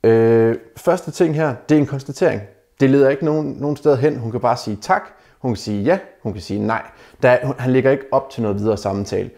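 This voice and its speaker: A man's voice: medium pitch, mellow. A man giving casual dating advice to the camera, bluntly mocking the messages he critiques and calling his viewers guys. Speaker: dating advice video maker.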